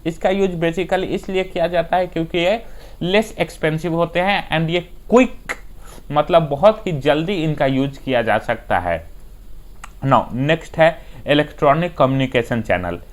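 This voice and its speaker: A man tutoring in a lecture style, reading English points with an Indian accent and then explaining them in Hindi. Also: on the high side. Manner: unhurried explainer who often starts with "dekhiye".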